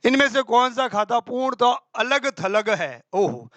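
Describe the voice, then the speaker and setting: A male teacher running a quick exam-prep accounting class, quizzing himself aloud and answering in a student's voice, with homely examples. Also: very high voice, a bit bright, no room sound. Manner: brisk and colloquial, with homely examples.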